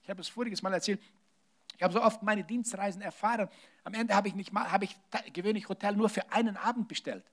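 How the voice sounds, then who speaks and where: Male preacher, high voice, animated sermon that drops to near-whispers. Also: fast. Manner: animated preaching with large swings in loudness, drops to hushed tones. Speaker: pastor.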